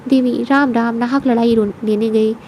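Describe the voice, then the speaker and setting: A woman voicing a proud housewife, kind but quick to take offence. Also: fairly high pitch, fairly even intonation, a little hiss or hum, lightly acted. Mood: kindly. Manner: firm, sharp when insulted.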